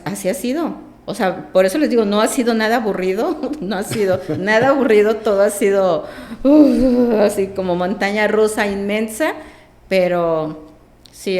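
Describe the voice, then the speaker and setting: A woman, a podcast guest telling a personal story with lively acted-out dialogue. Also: mid-range voice, echoey room. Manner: animated, acts out quoted dialogue.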